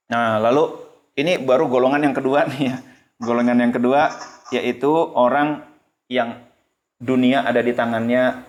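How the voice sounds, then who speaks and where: A man teaching a religious study class in a lively, colloquial storytelling manner, acting out the characters. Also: mid-range voice. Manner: casual colloquial speech. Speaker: Islamic teacher.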